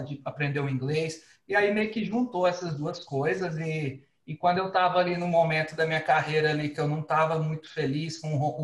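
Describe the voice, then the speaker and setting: A man from Goiânia with a Goiás accent, a podcast guest telling his story in a friendly way. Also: fairly high pitch. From Goiânia, Brazil. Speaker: podcast guest, immigration consultant. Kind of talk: casual podcast conversation. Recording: echoey room.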